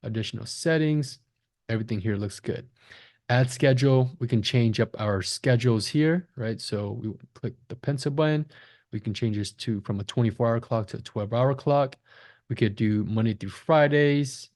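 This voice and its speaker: An online marketing instructor who founded an agency walks viewers through a screen-share tutorial step by step. His voice is medium-pitched and a little mellow, moving at normal speed, and he keeps it conversational, frequently checking in with tags like "right?" and "okay?".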